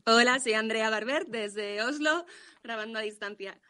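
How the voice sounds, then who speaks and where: A woman co-hosting a podcast from a remote location, lively and chatty. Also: fairly high pitch, normal speed. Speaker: podcast co-host. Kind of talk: casual podcast chat. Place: recording remotely.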